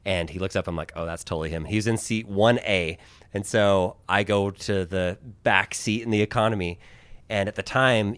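A man hosting a casual interview, telling stories with lively acted-out quotes. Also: low voice, dry recording. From Philippines. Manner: animated storyteller, acts out quotes. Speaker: host.

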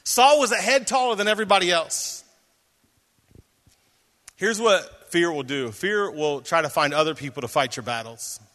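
A man preaching a sermon as pastor, reading scripture aloud and joking with his listeners in an animated way. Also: high voice, normal speed. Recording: long hall reverb.

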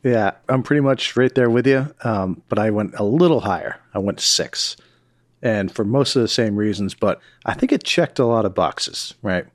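A man's voice: lowish voice, normal speed, no room sound. A man co-hosting a podcast, talking in an easygoing, wry way. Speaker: podcast co-host. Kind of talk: casual chat.

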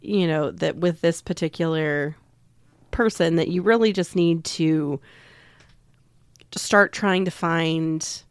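A woman co-hosting a podcast in casual chat, talking frankly and with animation, teasing and quick to laugh. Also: deep voice, smooth, no room sound, studio quality. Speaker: podcast co-host.

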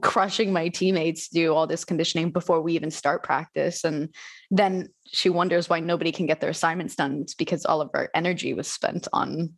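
A young woman speaking openly and reflectively as an interview guest, with soft laughs. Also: low-pitched, fairly even intonation, fairly quick. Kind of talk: candid personal interview.

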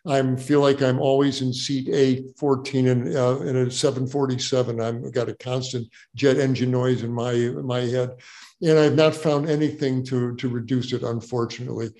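Older male doctor, folksy and joking, relaxed Q&A advice. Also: medium pitch, normal speed. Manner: folksy, joking, repeats words as he explains. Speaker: doctor answering audience questions. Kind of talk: casual Q&A advice.

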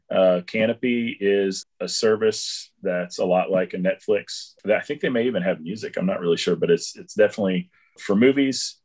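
A man's voice: deep voice, a little mellow. A man co-hosting a movie podcast, chatting casually and rambling through a recommendation with lots of fillers. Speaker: podcast co-host. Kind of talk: casual chat.

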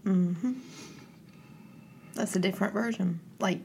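A woman co-hosting a relaxed chat, answering with short agreeing replies and frequent laughs. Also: mid-range voice, takes it slowly, gravelly, a little hiss or hum. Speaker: podcast co-host. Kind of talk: casual chat about cover songs.

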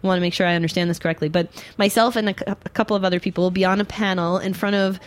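A woman hosting a casual talk show, speaking in an animated, argumentative and jokey way. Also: on the low side, very fast, no echo. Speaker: host.

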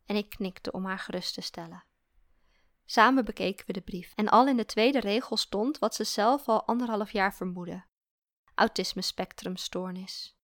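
A woman reading a story aloud in a calm, reflective way. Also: mid-range voice, moderate pace, no echo, clean studio sound. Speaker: narrator. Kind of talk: scripted story narration.

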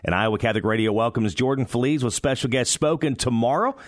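A man's voice: mid-range voice, no echo, clean studio sound. A man giving a scripted radio weather forecast and event announcement. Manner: quick, scripted delivery. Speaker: weather reporter.

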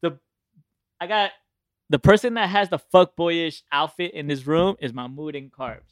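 A man's voice: on the high side, moderate pace, no echo. Slangy, joking male podcast host, close sound. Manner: slangy, joking, street-casual. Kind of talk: casual chat.

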